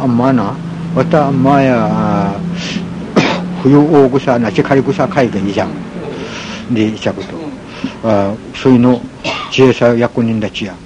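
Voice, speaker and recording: A man with an Okinawan accent telling a folk tale in a halting way, pausing often with fillers. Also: on the low side. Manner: halting, with many pauses and fillers. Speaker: folk storyteller. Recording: noisy recording with ambient hiss.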